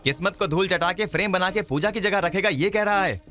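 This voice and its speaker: A man voicing a scheming, smug holy man villain in a dubbed film, speaking in slow, mocking pronouncements. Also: high-pitched, bright, forceful tone, soft background music. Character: scheming middle-aged male godman, smug and vengeful. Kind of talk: Hindi film dub.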